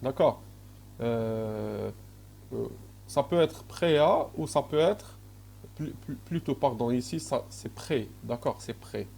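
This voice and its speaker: A man's voice: mid-range voice, animated, gravelly, a little mellow. A man with an Algerian French accent giving a recorded university lecture, hesitating often and checking in with his students. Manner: slow, checks in often with "d'accord?", many hesitations.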